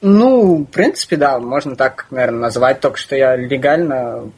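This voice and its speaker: A man chatting casually in a group, speaking in a halting way. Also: medium pitch, lively intonation, a little mellow, husky. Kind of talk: casual chat.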